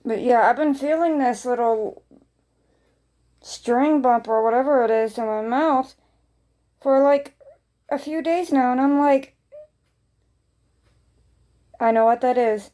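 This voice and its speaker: A woman talks casually to her viewers as a vlogger. Her voice sits fairly high yet has a very relaxed, dark-soft tone. She rambles along and circles back, repeating short phrases to make her point. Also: unhurried, long pauses.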